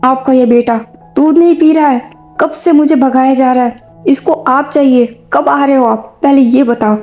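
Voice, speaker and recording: A woman's voice: high voice, steady tone, normal speed, darkish tone, soft background music, close to an everyday voice. A woman voicing a hot-tempered young man who nags and scolds a stubborn child in a fanfiction story. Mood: exasperated scolding. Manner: scolding, nagging, exasperated.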